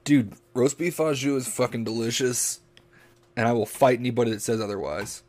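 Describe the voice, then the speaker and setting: A man's voice: mid-range voice, a little fast, a little mellow. A man co-hosting a podcast in casual chat, telling crude, profane jokes. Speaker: podcast co-host.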